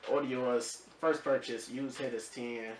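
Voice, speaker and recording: A man's voice: medium pitch, fairly even intonation, unhurried. A male radio host reading a sponsor spot and bantering in a jokey way, laughing often. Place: radio studio. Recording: roomy distant mic with faint noise.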